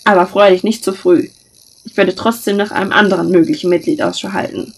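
A woman's voice: medium pitch, steady tone, a little fast, lightly acted. A woman reading aloud and voicing a mischievous young woman who teases her friend with dry, mocking banter. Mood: sweetened.

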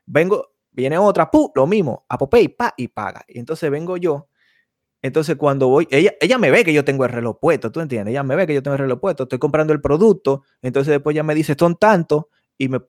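Chatty man, bright-ish voice. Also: a little high, lively intonation, fairly quick, no room sound, studio quality. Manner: rambling storyteller, keeps asking "tú me entiendes". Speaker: podcast co-host. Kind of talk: casual chat.

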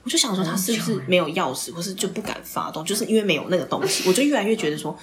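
A young woman, hosting a podcast and telling a story in casual chat, animated, swearing casually and dropping into whispered asides. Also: fairly low pitch, racing, a crowd in the background. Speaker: podcast host.

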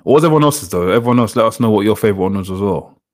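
Guy chatting on a show, kinda low voice, says stuff over again, casual. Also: animated, racing. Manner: repeats phrases for emphasis. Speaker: co-host. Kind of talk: casual chat about wrestling on a live show.

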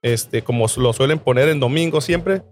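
A man's voice: medium pitch, normal speed. A man with a northern Mexican accent co-hosting in casual, slangy chat. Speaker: podcast co-host. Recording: music playing behind.

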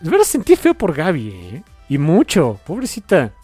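Lively high-voiced man. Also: moderate pace, breathy edge, dry recording, faint music behind. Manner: animated retelling with acted-out quotes. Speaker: podcast co-host. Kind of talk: casual comic book chat.

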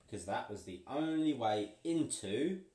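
A man reading a children's storybook aloud in a playful voice, pausing so the listener can supply the missing words. He sounds set back from the microphone in a roomy space, with a mid-range pitch. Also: expressive, dark tone. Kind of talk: reading a picture book aloud. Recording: roomy, from a distance.

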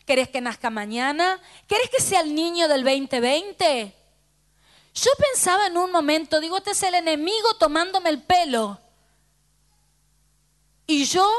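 Woman pastor, Rioplatense accent, very high voice, fervent sermon testimony, middle-aged. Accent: Rioplatense Spanish. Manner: fervent storytelling, quoting dialogue.

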